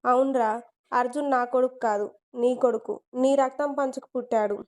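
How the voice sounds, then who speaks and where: A calm, loving older man reassures his younger brother, as a woman storyteller reads him. The voice is fairly high and clean. He speaks gently throughout. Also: moderate pace, natural voice. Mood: tender.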